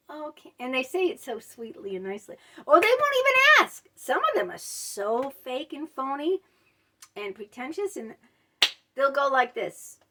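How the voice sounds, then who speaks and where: A middle-aged woman hosting a casual advice vlog, telling stories in a blunt, animated, indignant way. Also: high-pitched. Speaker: channel host.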